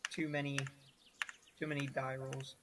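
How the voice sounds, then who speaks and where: A man's voice: mid-range voice, level tone, a little slow, background noise. A man talking casually as a player in a tabletop game. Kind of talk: casual chat.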